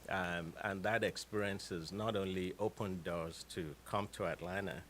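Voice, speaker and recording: A man's voice: deep voice, steady tone, normal speed, fairly bright tone, a little hiss or hum. A middle-aged man with a Nigerian accent, chatting as an interview guest and joking while correcting himself. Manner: joking, self-correcting, chuckles at own jokes. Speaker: guest, cybersecurity professional. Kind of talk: casual interview chat.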